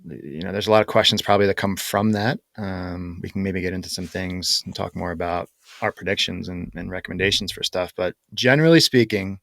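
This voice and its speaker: A man co-hosting a podcast, talking casually and explaining things with many fillers and pauses. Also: sits low, gravelly, fairly bright tone, no room sound, studio quality. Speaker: podcast co-host. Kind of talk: casual chat.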